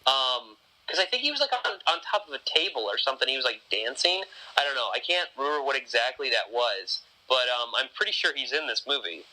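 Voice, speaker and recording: Very bright-voiced man rambling. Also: medium pitch, big pitch swings, brisk, hardly any pauses, low-quality recording. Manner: rambling, thinks out loud with many restarts. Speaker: podcast host. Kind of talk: casual podcast chat.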